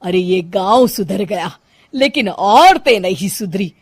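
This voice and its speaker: A woman's voice: medium pitch, expressive, measured pace, slightly rough, no echo, studio quality. A woman voicing a fussy middle-aged city mother-in-law who complains in a theatrical way. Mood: annoyed.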